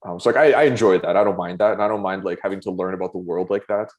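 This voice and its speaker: A lower-voiced man chats on a podcast with clear enthusiasm. He strings thoughts together with lots of "like" and slips into little acted-out reactions as he talks. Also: very fast, a little mellow. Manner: enthusiastic, filler-heavy, acts out reactions. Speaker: podcast co-host. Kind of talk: casual chat.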